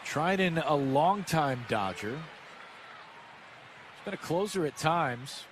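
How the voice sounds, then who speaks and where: In a stadium booth, an American man with a fairly high voice and lively intonation calls live baseball for radio, taking it slowly. The ballpark ambience is clearly audible behind him.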